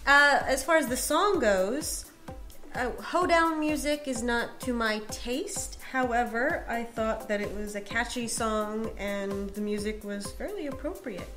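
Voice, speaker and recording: A woman co-hosting a podcast review and presenting a segment, speaking in a measured, thoughtful way with filler words. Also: fairly high pitch, a bit bright, faint music behind. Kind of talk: casual review chat.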